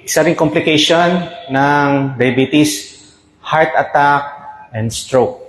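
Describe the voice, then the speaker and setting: A fairly high-pitched man with a Filipino accent, a doctor, delivers a slow-paced health talk. He checks his listeners' understanding over and over with "okay?" The recording is echoey, with slight background noise.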